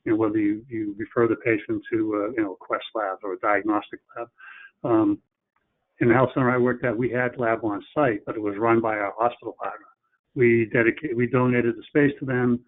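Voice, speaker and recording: A man's voice: medium pitch, fairly even intonation, brisk. A man presenting in a webinar, talking in a plain, practical way and often restarting his phrases. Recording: phone-like webinar audio.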